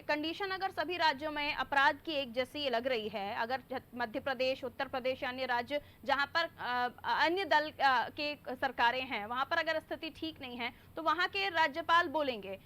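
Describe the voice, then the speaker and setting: A woman's voice: high voice, normal speed, hardly any pauses, pushed and bright. A woman news anchor interviewing a guest on TV, pressing him with pointed follow-up questions.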